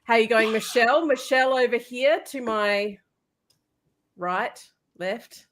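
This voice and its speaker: A woman's voice: on the high side, a little slow, a bit bright. A woman hosting a casual online recap chat, chatty and self-deprecating, sometimes losing her place. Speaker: podcast host. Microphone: video call.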